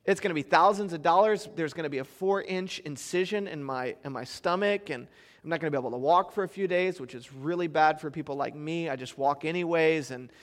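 Man, pastor, sermon, high voice, animated storytelling, hall reverb. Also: brisk. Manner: animated storytelling, swings between loud and quiet.

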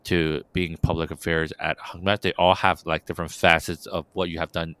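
A man's voice: low-pitched, level tone, normal speed, fairly bright tone, smooth, dry recording. A man hosting an interview, asking long rambling questions full of fillers. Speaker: interview host. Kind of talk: podcast interview.

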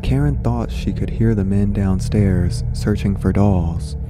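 A man's voice: lowish voice, measured pace, over music. A man reading a horror short story aloud after a loose, chatty intro. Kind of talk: casual intro and story narration.

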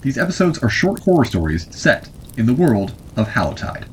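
A man's voice: mid-range voice, big pitch swings, normal speed, darkish tone, slight background noise, poor audio. A man hosting an audio horror show, giving a scripted, welcoming introduction. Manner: welcoming, announcing. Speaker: show host.

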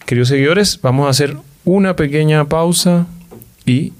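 A man's voice: fairly high pitch, moderate pace. A man hosting a religious podcast, reflecting earnestly on faith and addressing his listeners directly. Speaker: podcast host.

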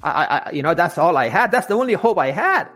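A man's voice: sits high, sing-song, quick pace, a bit bright, soft background music. A man, a life coach, telling his story as a guest in an interview, often repeating words and restarting sentences.

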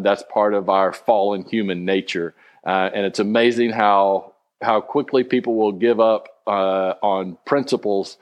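A man's voice: lowish voice, lo-fi sound. A man teaching a casual Bible study, reading scripture aloud and explaining it with many fillers and restarts.

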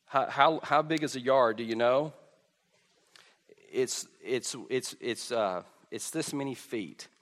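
A male pastor speaking into a pulpit microphone during a sermon, halting and repeating words, with joking asides while leading children through an object lesson. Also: medium pitch, fairly bright tone, in a large hall. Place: church sanctuary.

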